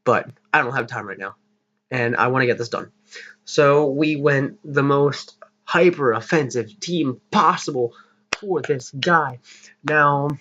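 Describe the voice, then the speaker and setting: A young man with a bright, forceful, medium-pitched voice rambles casually through his team plans for a league battle. He pokes fun at himself and laughs at his own expense, captured on a slightly dull lo-fi mic in this gaming commentary.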